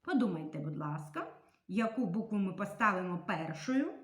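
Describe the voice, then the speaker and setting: A woman teaching a reading and writing lesson to young children, speaking slowly and clearly with encouragement. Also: medium pitch, sing-song, echoey room. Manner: slow, clearly articulated, encouraging.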